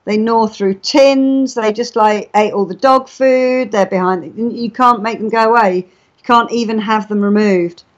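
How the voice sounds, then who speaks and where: A native English-speaking woman chats casually on a live stream, telling stories and explaining things in a relaxed way. Her voice is on the high side, steady and unhurried, and the internet chat audio is dull and lo-fi.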